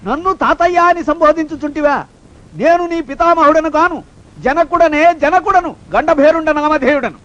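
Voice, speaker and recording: A pompous older man declaiming in lofty old-fashioned verse in a movie comedy. His voice sits very high and thin. The film sound is dull and lo-fi. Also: fairly even intonation, moderate pace, a bit bright. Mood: indignant, pompous. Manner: grandiloquent, declaiming in old-fashioned formal speech. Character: pompous old father-in-law speaking archaic formal verse.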